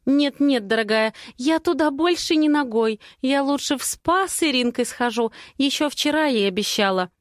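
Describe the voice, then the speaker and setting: A woman reader voicing a chatty, cautious young female friend who talks quickly in rising questions. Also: sits high, no echo, studio quality, pitched above the performer's own voice, natural voice. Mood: lively chatter.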